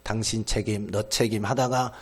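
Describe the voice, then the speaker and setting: A middle-aged man, a pastor, preaching a sermon. He keeps asking the congregation questions and answering them himself, acts out people's complaints in lively voices, and lets many phrases sink to a hush. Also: fairly low pitch, normal speed, slightly rough. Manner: drops to a hushed voice at the ends of phrases.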